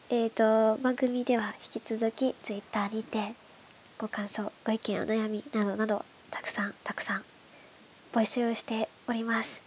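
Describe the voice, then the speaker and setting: A woman with a stuffed-up, nasal voice from hay fever, hosting a bedtime radio show in soft, breathy, casual chat that often drops toward a whisper. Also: fairly high pitch, level tone, measured pace. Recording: clearly audible background hiss.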